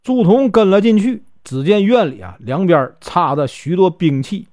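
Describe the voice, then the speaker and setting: A man's voice: high-pitched, lively intonation, normal speed, darkish tone, dry recording, clean studio sound. A man with a Northeastern Mandarin accent telling a classic tale in a folksy, casual way, with many small fillers. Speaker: storyteller. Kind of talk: casual storytelling narration.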